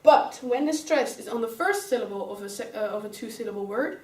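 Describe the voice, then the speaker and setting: This young Dutch-accented woman is a student teacher giving an English grammar lesson, addressing pupils by name as she works through each rule in order. She sounds a little high, slightly mellow and expressive, and speaks briskly, with the mic far off in an echoey room.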